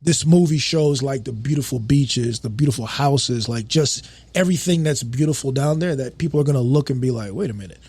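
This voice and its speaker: A man's voice: medium pitch, a little fast, few pauses, slightly rough, no room sound. A middle-aged man from Jamaica, talking casually as a guest on a podcast, telling stories with lots of fillers and restarts. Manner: relaxed storytelling, many fillers and restarts. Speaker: guest, music executive.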